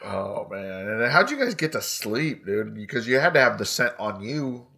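Gravelly low-voiced man, husky tone. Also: very animated, moderate pace, sharp tone. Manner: asks questions, swears casually, laughs. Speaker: podcast co-host. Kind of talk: casual chat.

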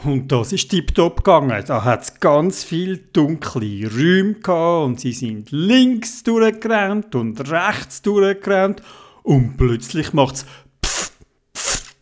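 A storyteller with a Swiss German accent, telling an animated children's bedtime story and acting out voices. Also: medium pitch, takes it slowly.

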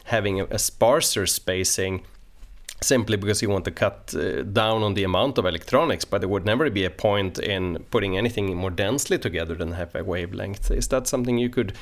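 A man with a lowish voice hosts a technical podcast. He talks carefully and haltingly, building long-winded questions and qualifications as he goes. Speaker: podcast host.

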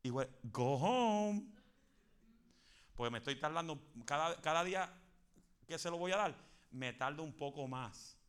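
A man preaching a fervent Pentecostal sermon, building to shouts and dropping in English phrases. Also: on the high side, fairly quick, clear, resonant tone.

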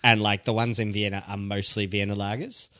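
A man's voice: on the low side, flat delivery, brisk, bright, forceful tone. A man co-hosting a casual podcast chat, chatty and full of facts and stories. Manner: chatty, offers facts and anecdotes. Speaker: podcast co-host.

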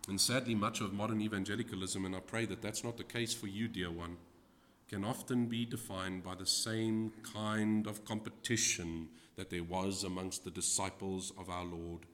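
A man preaching as a guest in a church, moving from hushed lines to loud, dramatic readings of scripture. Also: low voice, fairly even intonation, moderate pace, slight background noise. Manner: swings from hushed to loud, acting out scripture quotes. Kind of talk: sermon. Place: church hall. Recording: reverberant hall.

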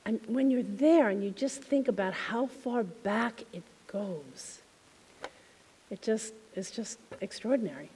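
A woman minister telling a congregation a heartfelt story in a reflective way, her phrases often trailing off softly. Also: mid-range voice, a little slow, long reverb tail, slight background noise. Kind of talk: spiritual talk to a congregation. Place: temple hall.

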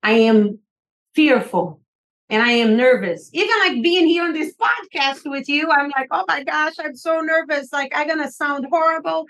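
A woman's voice: sits high, moderate pace, a bit bright. A middle-aged woman from Brazil with a Brazilian Portuguese accent, speaking earnestly as an author guest on a podcast interview.

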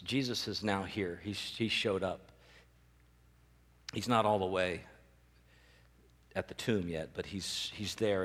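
A male pastor preaching a sermon, animated and rising to emphatic peaks. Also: lowish voice. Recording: long reverb of a large hall.

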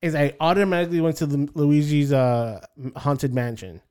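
A man chatting casually and eagerly, telling stories and trailing off into fillers. His voice sits a little high for a man. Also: normal speed, darkish tone, smooth. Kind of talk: casual chat.

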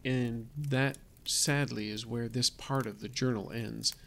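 A man voicing a newspaper reporter who closes the story in a formal, measured, solemn manner. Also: medium pitch, steady tone, creaky, fairly bright tone. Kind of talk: scripted narration in audio drama.

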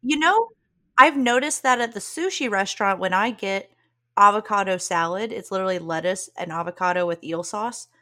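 A woman's voice: mid-range voice, normal speed, bright, forceful tone. Curious joking woman in casual chat. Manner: curious, jokey, asks questions. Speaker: podcast co-host.

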